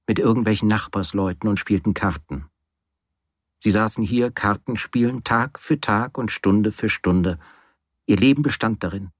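A man reads a first-person novel aloud in a measured, quietly wry way. His voice sits low with a husky, breathy edge. The recording is dry and close, with no room sound. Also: dry recording. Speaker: narrator. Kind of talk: audiobook narration of a novel.

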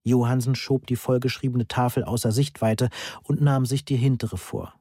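Husky dry-voiced male audiobook narrator. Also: medium pitch, steady tone, moderate pace, warm tone, no echo. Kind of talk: first-person audiobook narration.

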